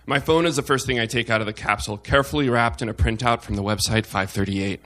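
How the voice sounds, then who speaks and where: Bright-voiced man reading a wry essay. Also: medium pitch, fast. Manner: wry, self-mocking humor. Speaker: op-ed reader at a live show. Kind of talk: reading a personal essay on stage.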